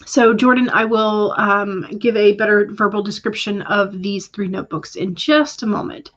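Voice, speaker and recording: A woman chats casually on a writing livestream and reads out viewer comments. Her pitch sits in the middle, and she fills her talk with ums and quick self-corrections. The audio is a little dull and lo-fi. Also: steady tone, fairly bright tone. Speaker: writing stream host.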